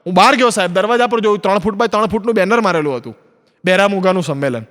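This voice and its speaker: Fast-talking man doing stand-up. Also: sits high, a bit bright. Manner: acts out both sides of dialogues in his stories. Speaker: stand-up comedian. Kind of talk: stand-up storytelling on stage. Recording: long hall reverb from an auditorium.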